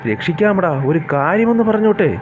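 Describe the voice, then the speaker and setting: A man voicing a panicked small male forest animal who is shouting frantically as he flees, in a cartoon story. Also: sits high, animated, fast talker, background noise, voice pushed up. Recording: dull lo-fi with clear music.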